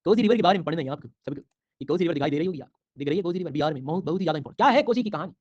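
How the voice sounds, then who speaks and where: A man's voice: a little high, expressive, very fast, highs cut off. A man teaching a live online geography class, drilling names over and over and teasing sleepy students. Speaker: online exam-prep teacher.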